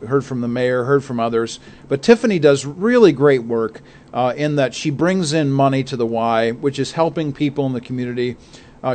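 A man's voice: medium pitch, a little mellow. A man co-hosting a faith radio show, talking earnestly with many fillers and restarts. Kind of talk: casual radio talk.

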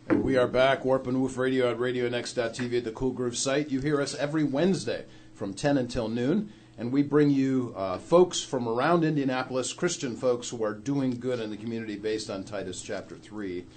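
A man hosting a faith radio show, unhurried and teacherly, stopping now and then on small fillers. His voice sits mid-range for a man. There is a faint hum of room ambience behind him. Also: medium pitch, darkish tone. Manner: measured, preacherly, hesitant with fillers. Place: radio studio.

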